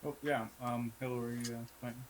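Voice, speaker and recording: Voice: medium pitch, level tone, brisk, very noisy. A player chatting casually and playing along in a tabletop game. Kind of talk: casual chat.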